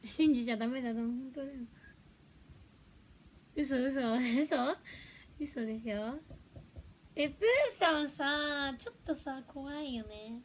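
A woman's voice: high-pitched, measured pace, long pauses, a little mellow, a little hiss or hum. A young woman chatting casually on a livestream, giggling and reacting to viewer comments. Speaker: livestream host.

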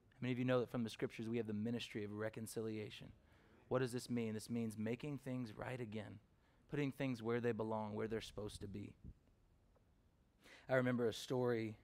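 A man's voice: fairly low pitch, darkish tone. A man preaching a sermon, telling personal stories in a conversational way, with fillers and questions put to the congregation. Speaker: pastor.

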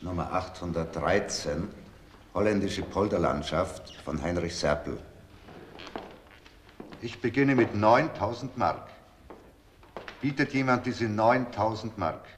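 An actor playing a middle-aged auctioneer, calling out bids in measured, formal phrases in a TV drama. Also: male voice, lowish voice. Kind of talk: screen drama acting. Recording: faint background noise, old TV soundtrack.

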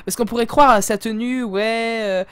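A man's voice: extremely high pitch, steady tone, normal speed, smooth, no room sound. A man giving casual live gameplay commentary as a streamer, playful and self-mocking, with sudden exclamations. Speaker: gaming streamer.

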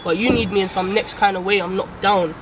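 A woman's voice: mid-range voice, steady tone, fairly quick, lightly acted. A woman acting an irritated, evasive young lover in a web drama, with a London accent. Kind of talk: naturalistic web series drama dialogue. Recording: noisy outdoor street at night.

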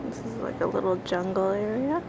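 This video tour host is a young woman with a medium-pitched voice, vocal fry, and a slightly quick delivery. Strolling through an indoor museum, she points out the exhibits in a relaxed, casual way. Her handheld camera mic picks up noisy audio.

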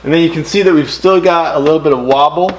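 A middle-aged man walks through a DIY build in a relaxed, step-by-step way, dropping casual fillers as he goes. His voice sits a little high for a man. The sound is roomy and echoey, with clear noise from the garage workshop behind him. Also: fast talker. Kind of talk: casual how-to instruction. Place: home woodworking garage workshop.

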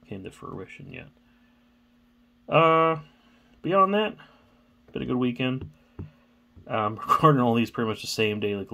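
A man's voice: low voice, creaky, a bit bright. A man hosting a casual card-opening vlog, rambling and thinking aloud as he talks, with some stammering. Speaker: card-opening channel host.

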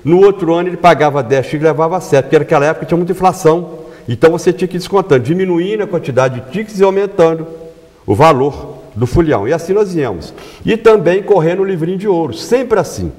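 Sixties male, lively interview guest, self-correcting, lapel mic in a reverberant studio. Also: a little high, fast talker. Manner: animated, repeats himself, self-corrects. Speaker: carnival band organizer, guest.

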